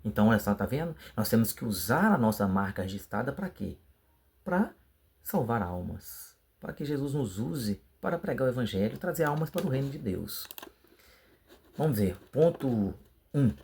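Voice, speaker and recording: A man's voice: medium pitch, sing-song, moderate pace, vocal fry, breathy edge. A man, teaching a Sunday school lesson in a casual, emphatic way on an improvised computer mic. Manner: conversational, emphatic, swings between loud bursts and quiet asides. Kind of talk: casual lesson preparation talk. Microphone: improvised computer microphone.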